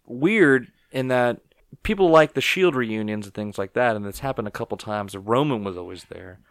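A man's voice: medium pitch, animated, normal speed, dry recording. Opinionated man chatting casually. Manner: rambling, opinionated, acts out quotes. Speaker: podcast co-host. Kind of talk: casual wrestling chat.

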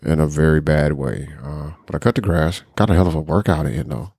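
Deep-voiced laid-back man chatting. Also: fairly quick, warm tone, breathy edge, dry recording, clean studio sound. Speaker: podcast co-host. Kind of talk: casual chat.

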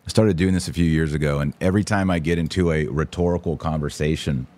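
A podcast host and author talks straight to his viewers during a livestream, casual, blunt and conversational, reading out their comments. His male voice rumbles low and is fast and a little mellow, with no room sound.

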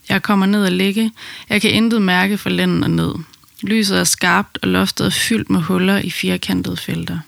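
A woman calmly narrating her own birth story in the first person, in an intimate storytelling manner. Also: lowish voice, gravelly, no echo.

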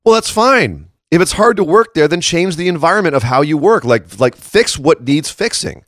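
In a froggy, slightly hoarse voice left over from a late shift, a man hosts a casual wrestling commentary podcast. His pitch is fairly high, his tone fairly bright, and he's animated at a moderate pace, emphatic, with frequent tag questions. The recording is dry with little room around him.

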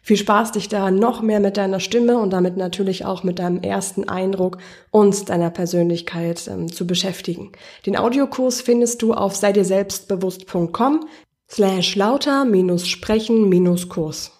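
A female voice coach talks one-to-one with her listener in a podcast lesson. She explains her points patiently and keeps asking guiding questions. Her pitch sits in the middle range for a woman. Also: moderate pace, darkish tone. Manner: encouraging, addresses the listener directly.

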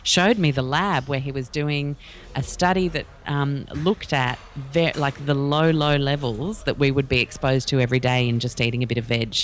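A man's voice: mid-range voice, steady tone, moderate pace, a bit bright, slight background noise. A man being interviewed as a guest about wellness courses, talking in a chatty, rambling way with many fillers. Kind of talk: casual podcast interview.

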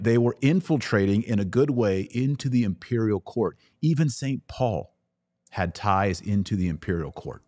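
A middle-aged American man hosts a casual livestream, reading and answering live audience comments as a podcast host. His voice is lowish with a darkish tone, and there's no room sound. He talks emphatically and opinionatedly in short, often repeated phrases.

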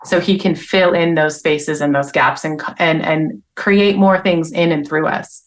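Woman guest, author and speaker, earnest and lively, slightly lower voice. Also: a little slow, rough recording. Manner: earnest, animated, with frequent restarts. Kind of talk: casual faith interview.

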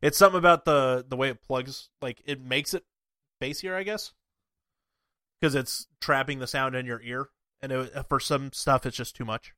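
A man's voice: medium pitch, fairly even intonation, normal speed, sharp tone, no room sound, studio quality. A man co-hosting a podcast, chatting easygoing about tech gear. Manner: easygoing, nerdy tech talk. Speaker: podcast co-host. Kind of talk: casual chat.

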